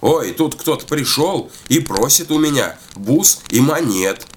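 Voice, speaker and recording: A man's voice: low-pitched, sing-song, moderate pace, fairly bright tone, slight background noise. A man doing a greedy spoiled young girl. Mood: complaining. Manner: calling out, whiny.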